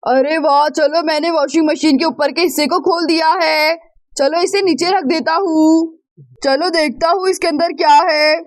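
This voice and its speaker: A woman's voice: high voice, steady tone, normal speed, no echo, studio quality, voice pushed down, natural voice. A woman doing a cheerful young male repairman. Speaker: doll-story voice actor. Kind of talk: storybook doll play.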